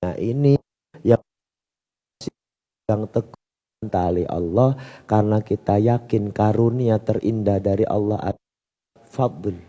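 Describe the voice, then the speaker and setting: Javanese-accented preacher in a reverberant mosque hall. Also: male voice, fairly low pitch, takes it slowly, pauses often, highs cut off. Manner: storytelling, mixing in Javanese phrases, swinging between loud and soft. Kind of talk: sermon.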